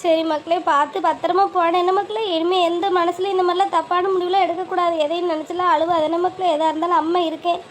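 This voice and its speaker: A woman voicing a worried, tearful older village mother in an animated family drama, speaking. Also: very high voice, fast, few pauses. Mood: anxious pleading. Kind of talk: cartoon voice acting. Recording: faint ambient noise.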